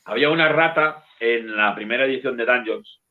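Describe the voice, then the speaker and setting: A man's voice: medium pitch, brisk. Middle-aged guy from telling stories, cussing, sounds like a phone line. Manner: lively storyteller, swears casually. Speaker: bookseller and guest. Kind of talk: casual anecdote telling.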